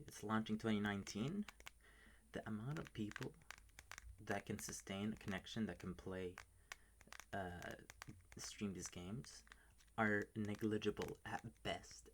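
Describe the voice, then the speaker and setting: Low whispering man ranting into a mic. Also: unhurried, slight background noise. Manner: whispering, ranting, swears often. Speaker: ASMR video maker. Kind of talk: whispered ASMR rant. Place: bedroom at home at night. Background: faint keyboard tapping and clicks.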